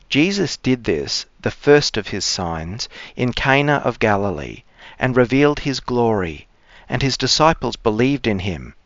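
A man speaking as a cleric, giving measured, formal scripture readings and reflection. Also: fairly low pitch, no room sound. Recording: dry, slightly dull close sound.

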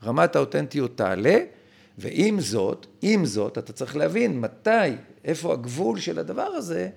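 A man's voice: a little high, big pitch swings, creaky, darkish tone, slightly rough. A male podcast guest explaining his ideas in an emphatic, lecturing way. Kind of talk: conversational explanation.

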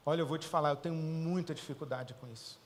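An older man with a Brazilian Portuguese accent, a pastor preaching a sermon, who talks animatedly, acts out voices and rises to loud exclamations. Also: a little high, steady tone, fast, slight background noise. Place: church hall. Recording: reverberant church hall.

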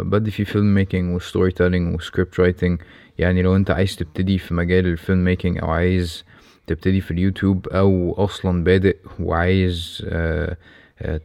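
A man with an Egyptian Arabic accent and a deep, gravelly voice that stays flat. He speaks quickly, as a host casually addressing listeners on his own. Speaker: podcast host. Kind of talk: casual solo announcement to listeners.

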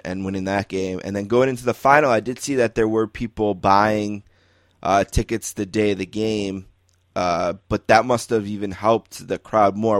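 A man with a fairly low voice hosts a laid-back sports talk show. His sound is close and dry. He talks loosely and easily, with fillers along the way. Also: no echo. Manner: relaxed, conversational with fillers. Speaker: host. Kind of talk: casual sports chat.

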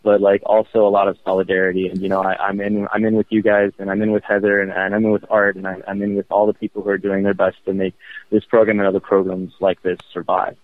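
Thirties male radio show caller on a tinny phone line, earnest, restarts often, low-ish voice. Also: flat delivery, no room sound. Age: 30s. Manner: earnest, halting, with many restarts. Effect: phone-line call-in audio. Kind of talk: casual call-in chat.

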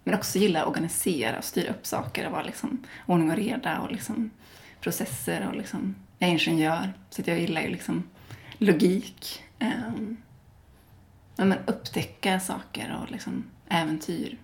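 A woman from Sweden answering interview questions in a relaxed, rambling way, full of small fillers. Her voice sits on the low side and has a gravelly, fry-laden edge. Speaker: interview guest. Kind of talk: casual interview conversation.

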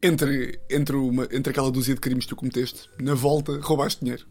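Brief: rapid-fire man, jokey and teasing, soft music in the background. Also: mid-range voice, level tone. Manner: joking, teasing, fast and rambling. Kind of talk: casual chat, guessing game.

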